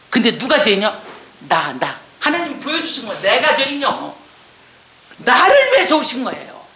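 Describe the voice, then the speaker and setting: Older lady telling her church testimony, emotional, high bright voice, swings up and down. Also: echoey room. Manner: emotional, animated, exclaims and sighs. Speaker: church deaconess giving testimony.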